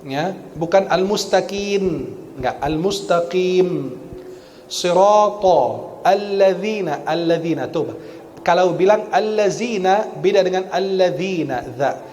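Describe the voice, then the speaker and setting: Speaking slowly, a high-pitched Quran teacher and native Arabic speaker delivers a lively, teasing religious lecture, working through recitation drills sound by sound with the crowd. The audio carries the echo of a spacious mosque hall and a faint murmur of room noise.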